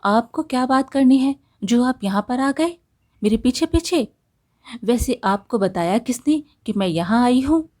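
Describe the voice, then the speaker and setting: A woman voicing a brave, poor young village woman who talks in sharp, indignant questions. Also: on the high side, lively intonation, measured pace, voice pushed up. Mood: startled, questioning.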